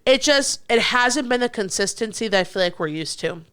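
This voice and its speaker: A young woman co-hosting a sports podcast, chatting casually and excitably about football. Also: fairly high pitch, brisk, smooth. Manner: chatty, excitable, restarts when flustered. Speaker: podcast co-host.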